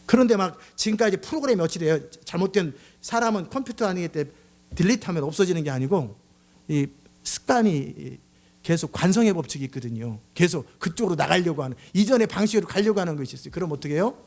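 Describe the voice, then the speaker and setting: Animated, gravelly male pastor preaching. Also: high-pitched, quick pace. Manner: animated, acts out angry outbursts and shouts. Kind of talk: sermon.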